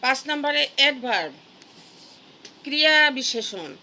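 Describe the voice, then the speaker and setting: A Bangladeshi woman teaching an English grammar lesson to young students, patient and deliberate, breaking words into syllables. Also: sits high, expressive, pushed and bright, a little hiss or hum. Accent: Bangladeshi Bengali.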